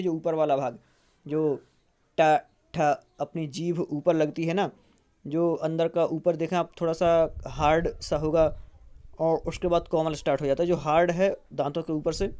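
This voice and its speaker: Teacher slowly drilling rules for memorizing. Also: medium pitch, darkish tone. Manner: explanatory, asks and answers own questions. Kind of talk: exam-prep grammar lecture.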